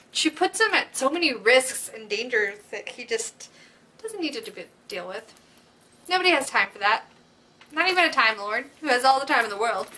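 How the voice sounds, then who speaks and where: A woman hosting a vlog, chatting casually and excitedly, with frequent giggles and gushing asides. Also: high voice. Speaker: vlog host. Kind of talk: casual fan chat.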